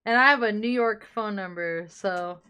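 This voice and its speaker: A woman's voice: mid-range voice, normal speed, sharp tone, clean tone. A woman hosting a livestream in casual chat, crude and mock-serious as she jokes. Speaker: livestream host.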